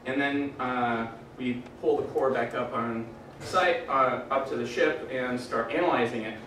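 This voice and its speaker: A man giving an academic presentation in a lecture room, relaxed, with dry jokes and many "uh" fillers. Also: medium pitch, a little slow, slight background noise. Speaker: doctoral candidate presenting his defense. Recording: echoey room, voice from far off.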